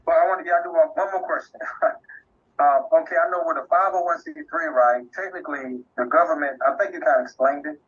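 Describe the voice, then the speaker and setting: Husky man asking a question. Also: fairly high pitch, fast, fairly bright tone, muffled recording. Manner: hesitant, checking his understanding. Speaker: class participant. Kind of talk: asking a question in a live class.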